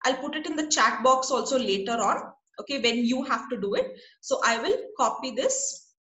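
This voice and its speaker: A teacher runs an online class over a video call, patiently checking in with her students often. Her voice is high and bright with lively intonation at normal speed, and she seems to be in an echoey room.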